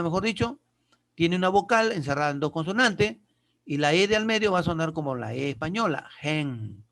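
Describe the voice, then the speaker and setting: Man teacher, patient, explanatory, asks his own questions, fairly high-pitched. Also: a bit bright. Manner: checks in with short tag questions. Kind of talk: explanatory lesson.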